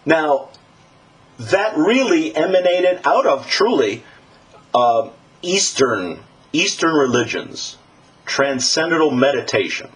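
A man preaching a sermon to his congregation, in an animated and emphatic style. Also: slow. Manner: animated, emphatic preaching with lively pitch swings.

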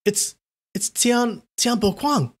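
A man's voice: high voice, very animated, normal speed, slightly rough, pitched above the performer's own voice, full character voice. A man voicing a timid, frightened young nun who speaks hesitantly. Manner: trembling, hesitant.

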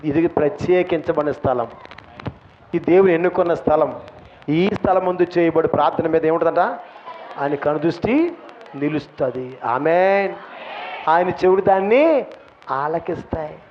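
Male pastor, sermon, high voice, dull lo-fi sound, faint room noise. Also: moderate pace, long pauses. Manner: impassioned, swings to shouting and drops to soft asides.

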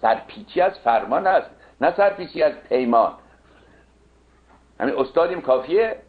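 A man lecturing on classical poetry, chanting verses slowly and correcting the wording point by point. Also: a little high, expressive. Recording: narrow phone-like sound.

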